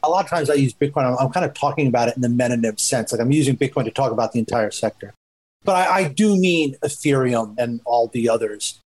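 A man, a journalist, speaking thoughtfully on a panel discussion, often pausing with asides. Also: mid-range voice, animated, darkish tone, poor audio. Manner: reflective, hedging with asides. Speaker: journalist guest.

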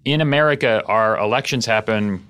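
A middle-aged man co-hosting a comedy podcast, chatting casually with relaxed, deadpan jokes. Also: lowish voice, normal speed, clean tone. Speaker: podcast co-host.

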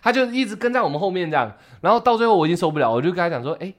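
A young man, co-hosting a podcast and telling a story in an excitable way, with casual swearing and words repeated for emphasis. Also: sits high, racing. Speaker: podcast co-host. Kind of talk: animated storytelling chat.

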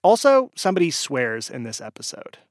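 A man's voice: mid-range voice, a little fast, no echo, studio quality. A man hosting a radio show, narrating a story in a scripted, storytelling way. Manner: lively, storytelling delivery.

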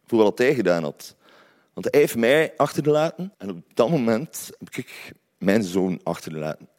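Flemish male storyteller, animated pitch, wry and conversational. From Belgium, Ghent. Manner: conversational, wry asides to listeners. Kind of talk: personal storytelling.

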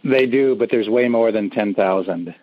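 A man's voice: fairly low pitch, normal speed. Sex: man. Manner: radio show caller on a tinny phone line. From Minnesota. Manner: hesitant, reads his question aloud. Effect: radio show caller heard over a phone line. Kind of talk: call-in question to a spiritual healer.

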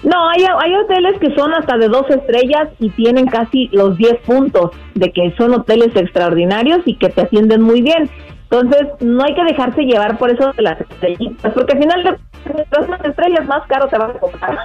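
A woman's voice: high voice, expressive, moderate pace, soft background music. A woman co-hosting a casual gossip chat, her voice coming through a phone line that keeps cutting in and out. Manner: chatty, defends her opinions. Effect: choppy phone line cutting in and out. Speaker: entertainment gossip co-host. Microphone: phone call.

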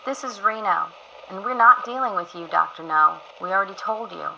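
A brusque CB radio trucker. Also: female voice, mid-range voice, fairly quick, gravelly. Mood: dismissive. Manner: curt, brushing off the caller. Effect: voice heard over a crackly CB radio. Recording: muffled, noisy radio transmission.

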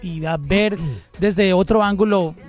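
A man hosts a podcast, asking long and chatty leading questions. His voice sits high for a man. Faint music plays in the background. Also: steady tone, a little slow, a little mellow. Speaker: podcast host. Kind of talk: interview.

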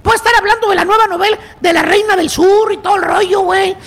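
Shrill mocking Mexican radio host man. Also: steady tone, fast. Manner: rowdy, mocking, often shouting. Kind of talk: comedic radio monologue.

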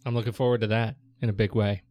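A man's voice: fairly low pitch, level tone, fast, mellow. A man hosting a podcast in casual chat, rambling and hesitant as he goes. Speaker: podcast host.

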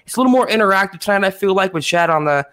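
A man with a slightly high voice co-hosts a live sports podcast. He talks casually and addresses the viewers directly. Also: expressive, very fast, sharp tone. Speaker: podcast co-host.

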